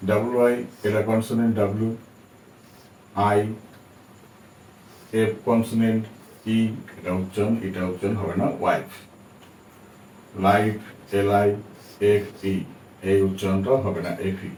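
A man with a low, mellow voice gives a patient pronunciation lesson, spelling words letter by letter. He sits back from the mic in a roomy, echoing space with a faint hiss behind him. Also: little pitch movement, moderate pace, pauses often. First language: Bengali. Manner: patient, repeats and spells out letters, checks understanding. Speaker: English teacher. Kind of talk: spoken English pronunciation lesson. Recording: echoey room, distant from mic, faint background hiss.

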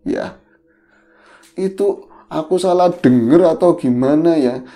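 A woman's voice: low-pitched, takes it slowly. A woman co-hosting a podcast, casually retelling a spooky story and slipping into the voices of the people in it. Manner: animated retelling, shifting into quoted voices. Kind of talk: casual horror storytelling chat.

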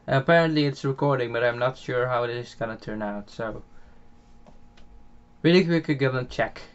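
A man's voice: medium pitch, normal speed, dull audio. A young man with a Dutch accent giving casual, rambling gameplay commentary at home, full of fillers and restarts. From Netherlands. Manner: rambling, many fillers and restarts, chuckles often. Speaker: gaming channel host. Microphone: home microphone.

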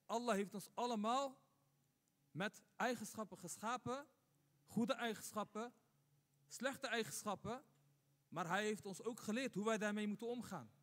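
A man's voice: high voice, moderate pace, long pauses, a bit bright. A man giving a Friday sermon as imam, asking rhetorical questions and repeating points for emphasis. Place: mosque. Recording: long hall reverb.

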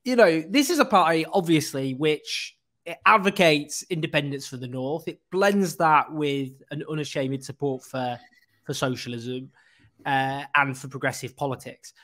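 A man, hosting a political interview over a video call, animated and full of joking asides. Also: a little high, moderate pace. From northern England. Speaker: host. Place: small room indoors. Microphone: studio mic on a boom arm.

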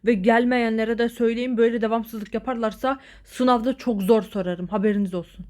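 A strict female schoolteacher in a toy-figure story drama, played by a woman, stern and scolding. She warns the class and snaps at them to hush. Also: fairly high pitch, steady tone, brisk, lightly acted.

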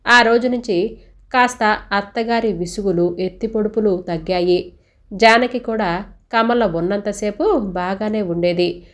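A woman's voice: medium pitch, measured pace. Woman narrating a family story.

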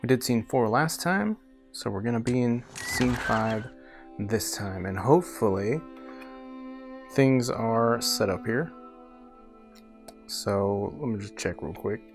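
A man's voice: medium pitch, expressive, takes it slowly, pauses often. A man hosting a let's play, giving casual gameplay commentary in a laid-back, slangy way. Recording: game music faintly behind the voice.

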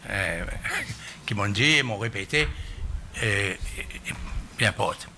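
A man giving halting testimony at a public hearing, often restarting as he searches for words. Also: lowish voice, lively intonation, sharp tone, slight background noise. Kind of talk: spoken testimony. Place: hearing room.

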